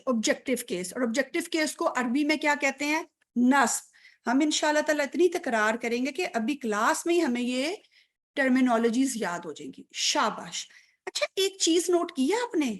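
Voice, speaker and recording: A woman teaching an online grammar class, patient, often checking if students follow, mixing English terms into her speech. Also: high voice.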